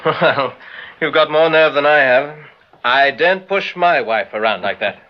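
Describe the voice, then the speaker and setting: Shrewd British police inspector, male actor: dry, probing, fairly high and animated, muffled old radio play. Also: measured pace, close to an everyday voice. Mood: dryly friendly. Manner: dry, probing, matter-of-fact. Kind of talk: mid-century BBC radio drama acting.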